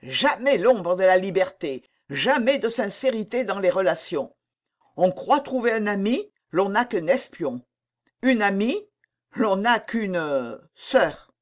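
A woman reading the lines of a young king who is lovesick, jealous and tormented, in an animated, pleading voice. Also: medium pitch, takes it slowly. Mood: anguished. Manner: pleading, heated outbursts.

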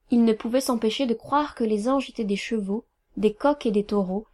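Woman, audiobook reader, brisk ironic tale, slightly high voice. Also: dark tone. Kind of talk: audiobook reading of a satirical tale.

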